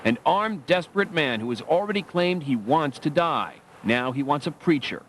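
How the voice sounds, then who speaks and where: A man's voice: on the high side, animated, normal speed, fairly bright tone, slight background noise. A man narrating a documentary from a dramatic script.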